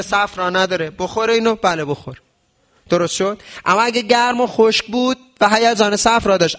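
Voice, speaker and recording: A man with a high voice gives a lesson on diet during fasting. He often asks questions as if he were the audience and then answers them himself. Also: fairly bright tone. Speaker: traditional medicine teacher. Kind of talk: religious health lesson.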